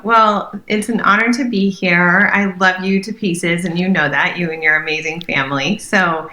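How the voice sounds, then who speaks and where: A woman's voice: on the low side, steady tone, moderate pace, pushed and bright, echoey room. A woman from France, an interior designer chatting as a podcast guest in an earnest, enthusiastic way with plenty of fillers. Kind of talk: casual interview chat.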